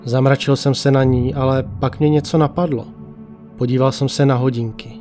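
A man tells a ghost story in the first person, calm and measured, in a medium-pitched voice. Faint music plays behind him.

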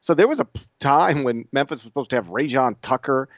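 A man in his thirties, co-hosting a casual sports podcast, talking in an animated, chatty way with frequent restarts. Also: medium pitch, a little fast, dry recording, dull audio. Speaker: podcast co-host.

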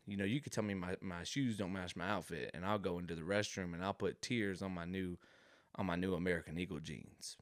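A man telling a long comic story in an animated, rambling way, full of slangy asides to the listener. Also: sits low, no echo, clean studio sound. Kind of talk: comedic storytelling monologue.

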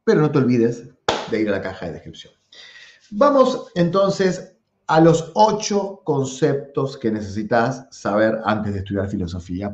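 A man with a Rioplatense accent lectures on philosophy, talking directly to his audience and repeating words for emphasis. His pitch swings widely as he explains. The sound is roomy and a little dull. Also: a little mellow. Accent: Rioplatense Spanish. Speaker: philosophy teacher. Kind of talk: lively lecture to camera.

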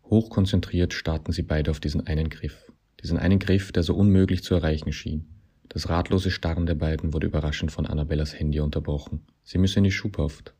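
Guy reading a satirical story, very deep husky voice, deadpan. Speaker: narrator.

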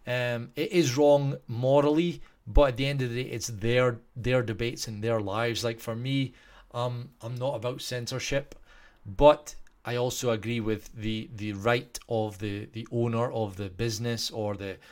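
A man's voice: mid-range voice, steady tone, unhurried, a little mellow. A man with a Scottish accent talking casually to his viewers in a rambling way, full of restarts and fillers. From Scotland.

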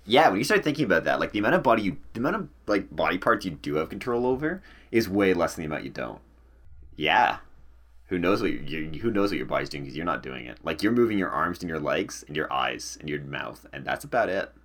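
A man with a very low voice that swings widely in pitch, hosting a casual podcast. He talks in an animated, chatty way and laughs often. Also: quick pace. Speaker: podcast host. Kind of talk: casual chat.

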